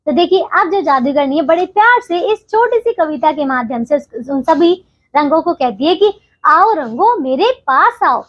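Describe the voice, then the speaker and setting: A woman's voice: sits high, animated, normal speed, dull audio. A woman teacher explaining a textbook story to children, checking in with them often.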